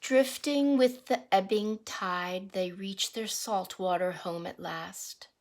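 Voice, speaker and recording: Pitched in the middle range, a woman's voice works through a rhyming picture book the way a teacher would, slowly and deliberately, pausing to explain things and quiz the young children listening.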